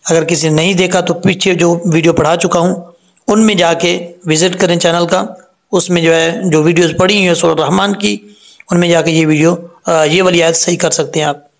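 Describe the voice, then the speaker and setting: A man teaching Quran recitation, explaining each sound patiently step by step and chanting the verses slowly. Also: a little high, steady tone, gravelly. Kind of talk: tajweed lesson with recitation.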